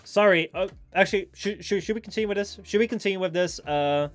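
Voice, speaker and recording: A man's voice: sits high, quick pace. A man live streaming in a casual, rambling, informal chat with his viewers.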